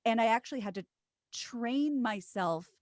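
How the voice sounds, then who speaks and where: A woman in her thirties, a radio co-host and voiceover artist, chatting as a guest with self-deprecating asides in a trained low broadcast voice. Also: lively intonation, normal speed, darkish tone, no echo, clean studio sound. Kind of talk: casual interview chat.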